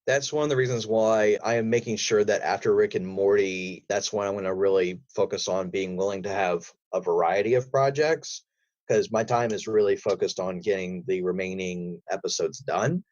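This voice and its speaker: A man with a fairly low, darkish voice talks at a moderate, steady pace as a podcast guest. He gives advice in casual, emphatic, rambling explanations during an easygoing interview chat. The audio sounds roomy and slightly dull.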